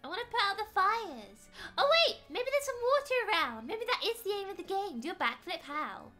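A young woman streaming a video game live, excitable and giggly as she chats. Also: very high-pitched, a little fast, soft background music. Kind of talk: live gameplay chat.

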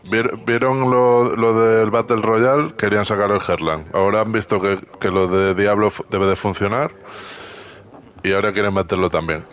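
A man's voice: lowish voice, fairly even intonation, moderate pace, highs cut off. A man in his forties with a Spain Spanish accent, chatting casually with friends over voice chat while gaming. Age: 40s. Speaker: gamer in voice chat.

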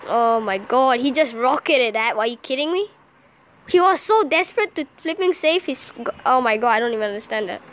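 A woman with a high voice gives live commentary over a mobile game she is playing. She reacts loudly to every move, cheering and groaning by turns. She talks in a casual, excitable way, as a channel host would with her viewers. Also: brisk, slight background noise. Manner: excitable, exclaiming and groaning at each play.

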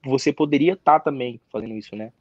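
Halting young man telling his story. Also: mid-range voice, no echo. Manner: halting, repeats words and restarts, frequent tag questions. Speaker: interview guest, professional footballer. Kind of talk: casual storytelling interview. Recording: dry, slightly dull audio.

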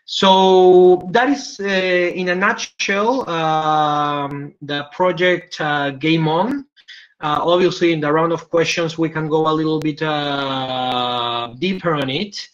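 A man's voice: fairly high pitch, steady tone, slow pace, a bit bright. A man presenting a project over a video call, speaking hesitantly with many fillers. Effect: heard over a video call. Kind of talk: presentation on a webinar. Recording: dull lo-fi video call audio.

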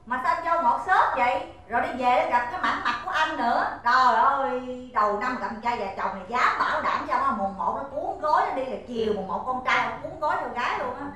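A woman playing a grumpy, sharp-tongued middle-aged neighbor in a stage comedy sketch, scolding and sarcastic. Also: high voice, animated, fast talker, few pauses, heavy reverb, recorded from a distance. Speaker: comedy skit actor.

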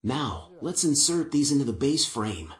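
In a workshop, an older man wearing a lapel mic gives calm, patient, methodical woodworking instructions step by step. His mid-range voice is unhurried, and the recording sounds roomy.

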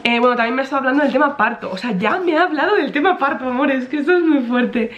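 A woman's voice: high-pitched, quick pace, a bit bright, dull audio. A young pregnant woman chatting casually to camera, rambling with many fillers. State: pregnant, in some pain. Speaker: vlogger.

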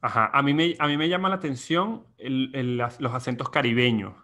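A man's voice: medium pitch, brisk, pushed and bright. A young Venezuelan man hosting a casual podcast chat, reflective and explaining at length with plenty of fillers. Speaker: podcast host.

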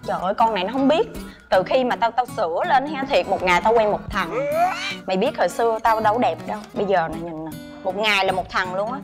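Actress as a flashy friend, mocking and bossy, rapid-fire delivery. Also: female voice, mid-range voice, music in the background, natural voice. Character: brash flashy woman mocking her plain friend. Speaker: actress in a TV drama.

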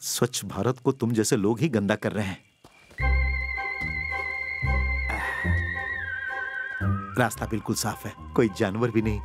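A man's voice: on the low side, fairly even intonation, fairly quick, natural voice. An actor dubbing a cowardly, chatty middle-aged man who whines and cries out when hit, in a Hindi film dub. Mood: nervous. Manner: whiny, cries out when struck. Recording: film soundtrack with loud music.

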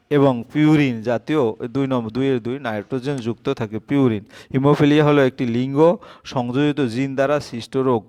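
A male teacher going through exam questions and answers, reading each one aloud and pausing often with fillers. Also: mid-range voice, a little mellow. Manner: reads questions then answers them, hesitant with many fillers. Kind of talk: exam-prep lesson.

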